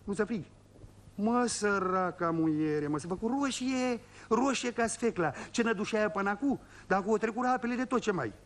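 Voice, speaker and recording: A man's voice: high-pitched, animated, few pauses. A man telling a rustic comic monologue in a folksy way, turning often to his listeners. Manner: folksy, addresses listeners directly. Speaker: comic storyteller.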